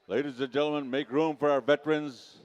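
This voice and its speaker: A man's voice: a little high, steady tone, a little fast, highs cut off. A man announcing as a powwow emcee at a live event over a PA, directing the contests.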